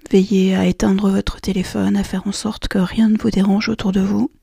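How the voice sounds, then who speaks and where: A woman guiding a relaxation and meditation session in a soft, slow, half-whispered voice. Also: mid-range voice, flat delivery, vocal fry, husky, no echo, studio quality. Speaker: relaxation guide. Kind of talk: guided meditation.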